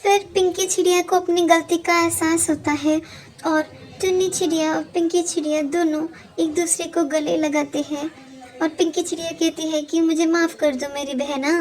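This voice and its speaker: High-voiced woman narrating a cartoon tale. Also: level tone, normal speed, a little mellow. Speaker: storyteller.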